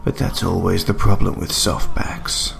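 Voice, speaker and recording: An actor playing a theatrical, sadistic clown villain in an audio drama, mockingly courteous, pompous and taunting. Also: male voice, low-pitched, unhurried, gravelly, exaggerated voice. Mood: mocking, gleeful. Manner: pompous, mock-literary, taunting.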